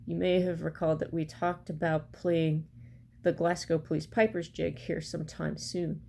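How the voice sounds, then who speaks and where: In a low, warm voice with little pitch movement, a middle-aged woman gives a step-by-step practice chanter lesson to camera at normal speed, counting beats as she goes. She's in a small room at home, and the recording clearly picks up room noise and metronome clicks now and then.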